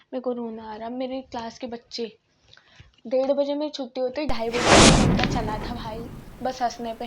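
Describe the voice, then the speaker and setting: A young adult woman telling a casual storytime, blunt and slangy in an animated way. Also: high-pitched. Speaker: vlogger. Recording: clear background noise.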